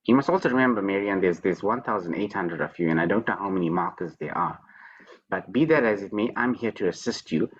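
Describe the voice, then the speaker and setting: Husky-voiced man tutoring on a video call. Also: low voice, fast talker, lo-fi sound. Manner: playful, repeats words, teasing self-praise. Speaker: programming lecturer. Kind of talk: online tutoring session.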